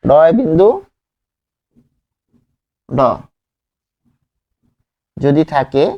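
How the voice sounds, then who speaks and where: A man's voice: on the high side, expressive, gravelly. Man teaching grammar, dull lo-fi sound. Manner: slow, repetitive, repeats example words and asks the class questions. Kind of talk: exam-prep grammar lesson.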